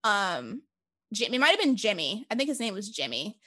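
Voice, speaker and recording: A woman co-hosting a casual movie review chat, bubbly and quick to laugh as she steers the talk to the next segment. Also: medium pitch, big pitch swings, bright, forceful tone, no echo, clean studio sound. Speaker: podcast co-host.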